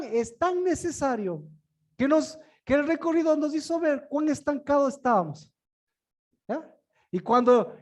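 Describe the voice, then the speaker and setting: A man teaching in a sermon style, asking the listeners many rhetorical questions and often repeating and restarting his words. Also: extremely high pitch. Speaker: preacher.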